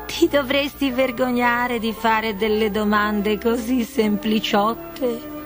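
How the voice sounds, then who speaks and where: A woman's voice: mid-range voice, slow pace, music in the background, lightly acted. A woman voicing a brusque, impatient griffin that scolds and orders others about. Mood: scolding. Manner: scolding, bossy.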